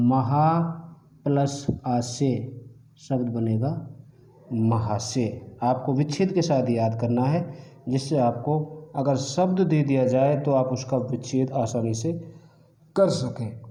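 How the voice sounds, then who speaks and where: A man gives an online grammar lesson in a very slow, deliberate way. His voice is dark and mellow, and he moves through each example one step at a time. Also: mid-range voice. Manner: slow, methodical, repeats each sum step by step. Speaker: teacher.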